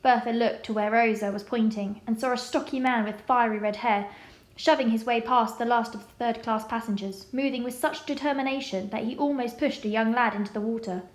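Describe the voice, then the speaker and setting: A woman reading a children's novel aloud in a measured, expressive way. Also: fairly high pitch, echoey room. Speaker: storybook reader.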